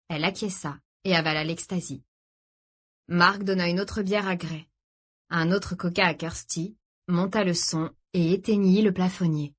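A woman reading a novel aloud as narrator in a measured, even way. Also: fairly low pitch, slightly rough. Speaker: audiobook narrator. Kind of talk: scripted narration.

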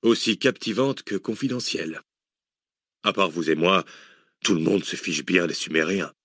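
A man voicing a learned male scholar who lectures in a measured tone in an audiobook. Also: low voice, a bit bright, no room sound, clean studio sound. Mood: lecturing. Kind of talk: audiobook character voice.

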